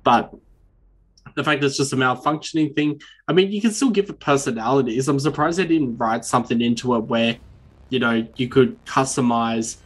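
A man chatting as a podcast co-host, rambling from one thought to the next with casual swearing. He acts out the people he quotes. His voice sits in an ordinary middle pitch. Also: normal speed, breathy edge. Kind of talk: casual chat.

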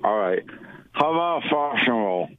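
A man's voice: on the low side, animated, unhurried, no echo. A man calling in to a radio show over the phone, giving short, hesitant replies. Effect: heard over a phone line. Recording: tinny phone line.

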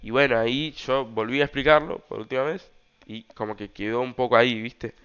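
Young Argentine male host, casual slangy storyteller, smooth tone, dull recording. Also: medium pitch, steady tone, brisk, fairly bright tone. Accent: Argentine Rioplatense Spanish. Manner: rambling, loose, slangy, many fillers. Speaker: podcast host.

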